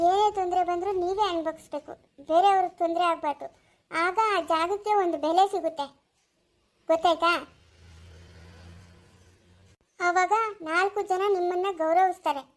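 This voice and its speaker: A serene young male god, voiced by a woman, speaks in a very high, childlike register for a family cartoon. He soothes and reassures, then turns stern and lectures about duty. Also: fairly even intonation, normal speed. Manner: soothing yet warning, lecturing. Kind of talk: cartoon voice acting.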